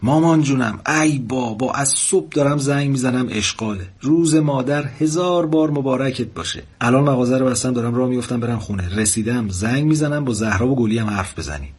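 A man's voice: mid-range voice, few pauses, darkish tone, slightly rough, pitched above the performer's own voice, lightly acted. A man doing a cheerful shopkeeper son.

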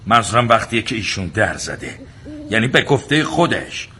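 A man's voice: fairly low pitch, very animated, bright, forceful tone, a little hiss or hum. An actor playing an indignant male guest at a village inn who insists, exasperated, on his accusation. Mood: recounting.

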